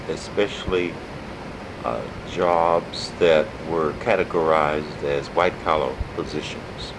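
An older man gives an oral history interview, reminiscing in a halting, deliberate manner. His voice is very low and his pace markedly slow. A clear rumbling hum runs behind him on the tape. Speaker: interviewee, civil rights activist.

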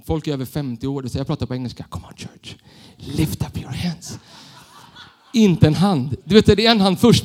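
High-voiced man preaching with animated stories. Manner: storytelling, animated, self-mocking. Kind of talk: sermon.

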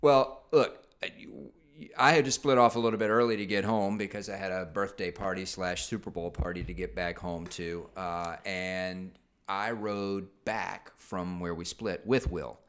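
Deep-voiced man, rambling podcast chat. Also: fairly even intonation, normal speed, a bit bright. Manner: rambling, many fillers and restarts. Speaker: podcast co-host. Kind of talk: casual chat.

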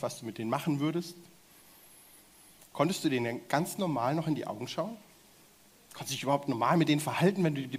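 A man preaching a sermon in German, talking directly and energetically and getting his audience to shout along. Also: fairly high pitch, slightly rough.

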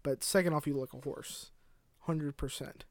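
A young man hosting a podcast, chatting casually in a rambling, joking way and sometimes getting loud. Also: on the high side, steady tone, moderate pace, no echo. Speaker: podcast host. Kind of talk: casual chat.

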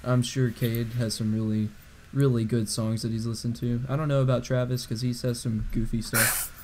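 A man's voice: medium pitch, flat delivery, moderate pace, noisy background. A young man co-hosting a podcast over a voice call, talking in a rambling, hedging way and laughing often. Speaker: podcast co-host. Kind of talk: casual chat.

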